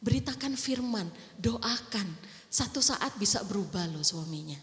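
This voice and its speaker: A middle-aged woman preaching a sermon in a chatty, lively way, acting out quoted voices and laughing often. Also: mid-range voice, normal speed. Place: church hall. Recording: echoey church hall with long reverb.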